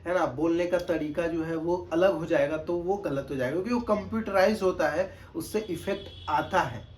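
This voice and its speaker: A man with a fairly high voice talks straight to the camera in a loose, casual tutorial, deliberately louder than he normally speaks. He keeps returning to his points with little check-ins, patient and instructive. A faint hum of background noise sits under the voice. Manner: raised, projected speaking voice. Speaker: test-prep tutor. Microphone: camera mic.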